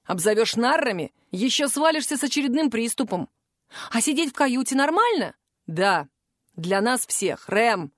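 A woman's voice: fairly high pitch, big pitch swings, moderate pace, fairly bright tone, dry recording, studio quality. Woman voicing a curt pirate captain. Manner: curt, commanding. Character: stern male pirate captain, commanding and protective.

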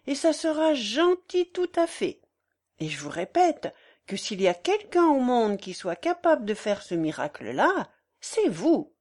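A woman's voice: mid-range voice, a little mellow. A woman reading aloud voices a scheming, chatty old countess who keeps pressing and coaxing to get her son married. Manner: coaxing, insistent, effusive.

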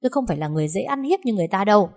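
A woman voicing a sharp-tongued, defiant young daughter-in-law in an audiobook story. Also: mid-range voice, expressive, racing, pitched above the performer's own voice, natural voice. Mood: defiant scorn. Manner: cutting, defiant.

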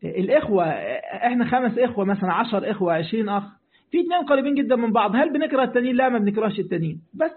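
Fast high-voiced Egyptian sheikh on a thin line. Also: male voice. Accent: Egyptian Arabic. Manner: talks to listeners directly, repeats points, answers questions. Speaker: sheikh teaching Quran commentary. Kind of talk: religious lesson. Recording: tinny phone-like line.

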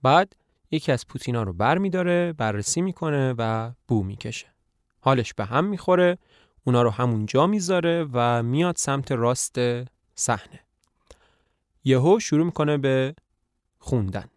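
A man narrating a play for a podcast in relaxed, conversational everyday speech. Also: medium pitch, no echo, studio quality. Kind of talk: storytelling a play in colloquial speech.

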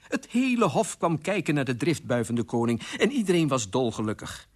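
A man reading a fairy tale aloud on radio with lively, expressive storytelling. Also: mid-range voice, brisk.

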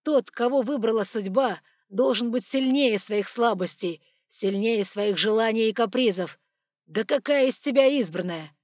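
A woman voicing a stern, furious male dragon bodyguard in an audiobook, speaking loud and clipped through gritted teeth. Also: mid-range voice, a little slow, husky, dry recording, studio quality. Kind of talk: audiobook character voice.

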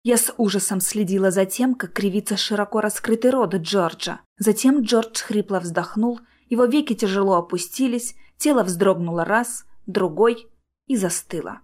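A woman reading a first-person audiobook in a steady, tense storytelling manner. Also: medium pitch, normal speed. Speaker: audiobook narrator.

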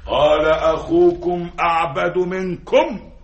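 An actor with an Egyptian accent playing a village sheikh who preaches to children in an old radio play, exhorting and telling stories. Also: male voice, a little high, fairly even intonation, slow pace, muffled recording. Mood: earnest. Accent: Egyptian Arabic. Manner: storytelling, exhorting. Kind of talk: 1960s Egyptian radio drama acting. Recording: echoey, from far off the mic.

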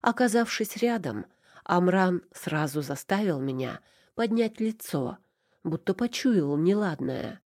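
A woman narrating a first-person romance novel in an emotive, measured reading. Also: lowish voice, animated, darkish tone, dry recording, studio quality. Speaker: audiobook narrator.

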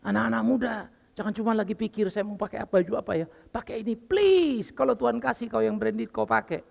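An older man preaching a lively, joking sermon as a pastor while unwell. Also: sits high, fast talker, gravelly, big-room sound. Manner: lively and joking, mixing in English phrases. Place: church.

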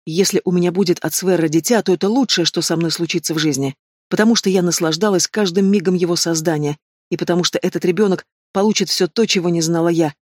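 Guy doing a young noble girl in a storybook, high, defiant, close dry sound. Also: fairly even intonation, fast talker, no room sound. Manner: pleading, emotional outbursts.

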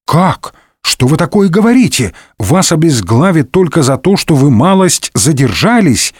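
A scheming noblewoman coos and mocks her lover, as a man reading aloud puts her on. Her voice sits higher than a plain reading and swings about with animated lilts, close and dry with no room around it. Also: moderate pace, dry recording. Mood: cooing. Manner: cooing and teasing, coldly sly in asides. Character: scheming seductive noblewoman, mocking.

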